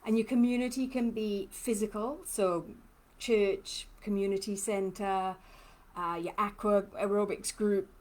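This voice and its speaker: On a low-quality recording, a woman speaks at a medium pitch with a slightly mellow tone, fairly even intonation and a measured pace. She's a lymphoedema therapist from Trinidad with a hard-to-place blended accent, chatting on a live stream, answering viewer comments personally and laughing often.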